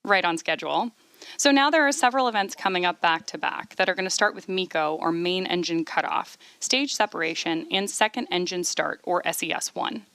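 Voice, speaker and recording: A woman giving measured, explanatory live commentary as the host of a launch webcast. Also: lowish voice, a bit bright, smooth, dry recording.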